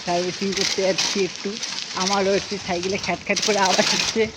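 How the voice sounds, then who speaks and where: A chatty vlogger speaks at a middling pitch and grumbles about the heat while walking outside. The voice is a little hushed beside the road. It is caught on a phone camera with loud outdoor noise all around. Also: flat delivery, fast. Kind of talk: casual vlog talk to the camera. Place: outdoors around home and street. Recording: noisy outdoor phone audio.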